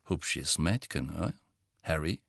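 A man's voice: medium pitch, sing-song, unhurried, no room sound, voice pushed up. A man voicing a sly, gossipy middle-aged female tabloid reporter with a wheedling, insinuating manner, in a dry close recording. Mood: scheming. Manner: wheedling, insinuating, mock-sweet.

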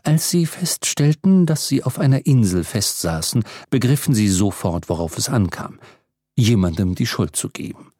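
A man narrating an audiobook in an expressive, wry storytelling manner on a close studio mic. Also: lowish voice, normal speed, no echo. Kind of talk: scripted narration.

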